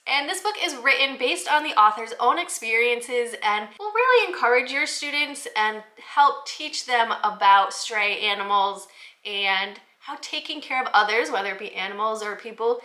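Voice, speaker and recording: This children's book review host gives teachers a lively scripted vlog, explaining eagerly and addressing viewers head-on. Her voice is a little high and expressive, bright and forceful, at a moderate pace, and the recording is reverberant.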